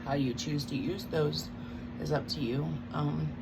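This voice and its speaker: A woman's voice: sits low, fairly even intonation, measured pace, vocal fry. A woman chewing gum while she gives a casual, hesitant, rambling spiritual talk as a tarot reader. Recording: loud background noise.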